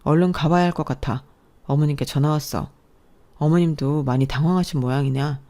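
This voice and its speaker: A loyal young husband, as a woman acts him out in a radio story reading, hurried and worried. The voice sits low and mellow. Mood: urgent.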